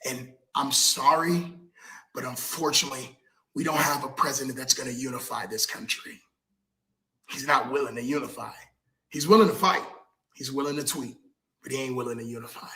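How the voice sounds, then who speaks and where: A man in his fifties making an impassioned personal statement to the public, slow, deliberate and earnest, with emphatic pauses. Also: medium pitch, steady tone, pushed and bright, poor audio. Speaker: speaker addressing the public.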